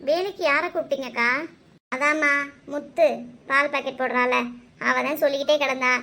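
A woman's voice: sits high, fairly even intonation, brisk, pushed and bright. A woman voicing homely village women in a cartoon, chatty and scolding by turns. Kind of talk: cartoon voice acting.

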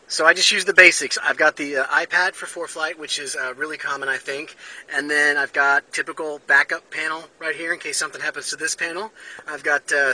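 A man in his forties vlogging in a deadpan, mock-earnest satirical style. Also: fairly high pitch, low-quality recording. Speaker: vlogger pilot. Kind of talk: satirical vlog. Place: home room, then small plane cockpit, then outdoors.

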